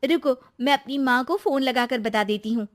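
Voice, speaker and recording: A woman voicing a cheerful young daughter-in-law in a cartoon story, who talks in an excited, bragging way. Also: sits high, moderate pace, natural voice.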